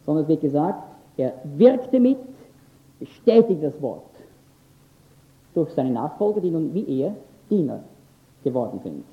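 Bible teacher, male, earnest, emphatic, some filler pauses, thin phone-band sound in a roomy echo. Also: fairly high pitch, very animated. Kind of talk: lecture on scripture. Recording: echoey, phone-like lo-fi recording.

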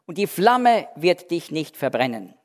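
A man preaching an expository Bible sermon, emphatic, switching between loud stressed words and quiet, low phrases. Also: very animated, unhurried, long reverb tail.

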